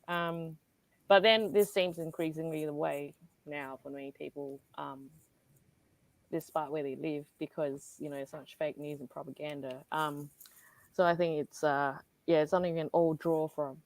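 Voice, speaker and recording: A woman's voice: low voice, steady tone, normal speed, dry recording. A woman from Singapore, a guest writer in a conversational panel interview, talking casually with many fillers and asides.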